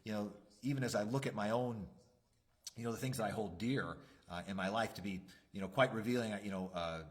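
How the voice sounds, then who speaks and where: A man with a somewhat low voice talks through matters of faith on a church youth show. He rambles reflectively and leans on fillers like "you know" and "uh". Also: fairly quick. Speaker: church youth leader co-host. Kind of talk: casual faith discussion.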